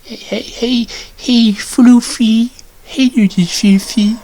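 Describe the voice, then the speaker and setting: A man doing a mocking impression of a creepy adult man in a high, sing-song, leering voice. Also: fairly even intonation, slow pace, dark tone, a little hiss or hum, full character voice.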